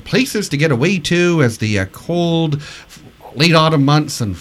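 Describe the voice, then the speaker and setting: A male radio co-host with a slightly high voice interviews a guest in a friendly, relaxed way. He introduces her easily and asks his questions warmly. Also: unhurried, slight background noise.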